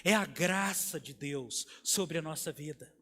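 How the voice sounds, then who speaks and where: A Brazilian pastor preaching a sermon with emphatic swells and sudden drops in volume. His voice sits high for a man. The church sanctuary gives it a long, ringing reverb. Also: measured pace, pushed and bright. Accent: Brazilian Portuguese.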